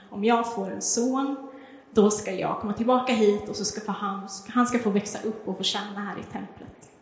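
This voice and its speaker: A woman preacher giving a conversational devotional talk that retells a Bible story, with fillers and restarts. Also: on the high side. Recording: echoey hall with long reverb.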